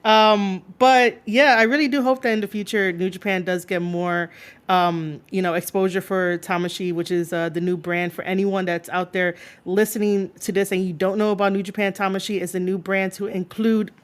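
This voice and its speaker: A woman hosting a wrestling interview in casual, fan-like chat, rambling informally with frequent asides. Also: fairly low pitch.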